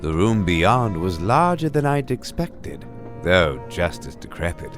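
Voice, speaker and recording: A man narrating a fantasy tale in the first person, his voice very low with a lively, rising and falling line. He delivers it at an unhurried pace with a dry, sardonic edge, over steady background music.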